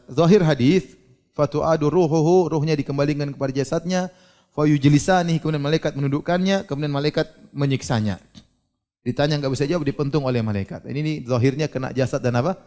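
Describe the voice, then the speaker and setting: A man giving a religious lecture, animated and questioning, who asks his audience questions and acts out scenes. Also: a little high. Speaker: preacher.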